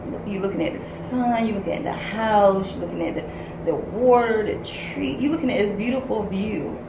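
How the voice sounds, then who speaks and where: A woman's voice: mid-range voice, normal speed. An older woman, a grandmother and spiritual counselor, giving a tarot message reading in a blunt, profane, tough-love preaching manner. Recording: echoey room with noise.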